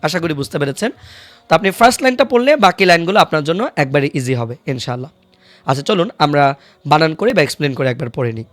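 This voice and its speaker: A man's voice: fairly high pitch, lively intonation, a bit bright, dry recording. Man teaching Quran reading, patient and dry-sounding. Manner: patient, repeats each syllable slowly for students to follow. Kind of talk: online recitation lesson.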